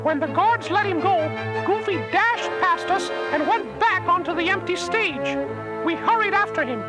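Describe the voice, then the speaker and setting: A man voicing a small cheerful male cartoon mouse in a squeaky falsetto, narrating and acting in a storybook read-along. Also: lively intonation, normal speed, rough recording. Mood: earnest. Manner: earnest, friendly, clear storytelling. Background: music.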